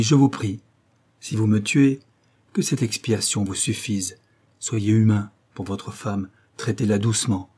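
A man's voice: fairly low pitch, warm tone, husky. A man reading an audiobook and voicing a desperate young nobleman who speaks solemnly and pleads before a duel.

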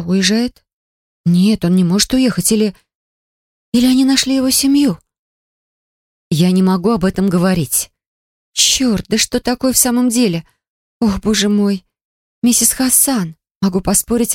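A woman's voice: medium pitch, moderate pace, pauses often, darkish tone, dry recording, studio quality, voice pushed up, lightly acted. A woman reading the part of a curious young woman teasing and prying at a friend with eager questions.

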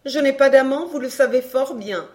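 A woman voicing a proud, sharp countess. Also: sits high, normal speed, lightly acted. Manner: cool and teasing. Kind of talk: audiobook dialogue.

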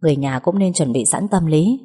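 A woman voicing a calm middle-aged male doctor delivering bad news in an audio story. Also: low-pitched, fairly quick, breathy edge. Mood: grave. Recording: long hall reverb.

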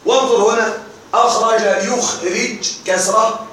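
A man with a fairly high, slightly bright voice teaches grammar in a classroom at a measured pace and steady tone, repeatedly quizzing the class and answering his own questions. The audio sounds distant and heavily echoey, with faint noise underneath.

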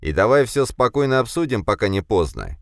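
A man voicing a stern older clan head who barks orders and tries to calm others in an audiobook. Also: mid-range voice, brisk, no echo, clean studio sound, pitched above the performer's own voice. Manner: authoritative, barking orders.

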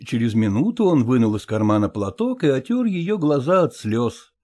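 A man narrating an audiobook in measured storytelling. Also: medium pitch, sing-song, mellow. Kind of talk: scripted narration.

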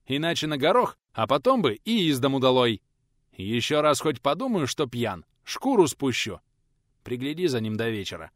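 A man voicing a stern, gruff elderly male teacher who scolds and gives orders but is kind at heart. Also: mid-range voice, no room sound, clean studio sound, natural voice. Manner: gruff, commanding.

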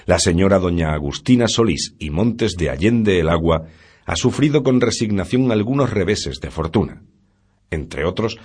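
A man narrating a classic novel aloud in a measured storytelling manner. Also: low-pitched, a little mellow, breathy edge. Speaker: audiobook narrator.

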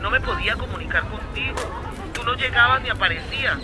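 In a radio drama, an actress plays an adventurous, restless, affectionate young Colombian woman stranded while travelling, telling things playfully, expressively and conversationally in a tender, longing mood. Her natural voice is a little high and fast. The remote recording carries clear traffic noise and a crowd in the background.

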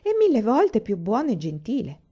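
A woman voicing an earnest, gentle young girl who pleads sincerely, read as an audiobook. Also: fairly high pitch, huge pitch swings, normal speed, breathy edge, highs cut off, voice pushed up, exaggerated voice.

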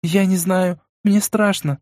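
A frightened young woman begs in a tremulous, whimpering voice, as a male reader puts her on. Her voice sits higher than the reader's own, and the sound is dry and close, like a studio audiobook. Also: fairly even intonation, takes it slowly, darkish tone, dry recording. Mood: frightened, hurried. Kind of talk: audiobook character voice.

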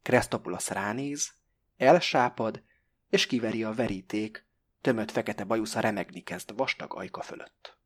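A man narrating a novel in the first person as an audiobook reader, measured and close to the mic. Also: lowish voice.

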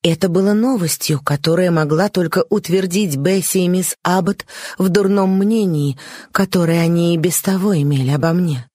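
A woman narrating a classic novel in the first person, steady and expressive. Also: fairly low pitch, moderate pace, no echo, studio quality. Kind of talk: audiobook narration.

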